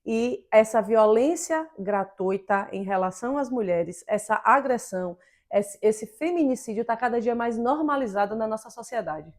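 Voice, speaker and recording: A woman's voice: on the high side, lively intonation, normal speed. A woman co-hosting an opinion talk show, speaking emphatically and indignantly and firing off rhetorical questions. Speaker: podcast co-host.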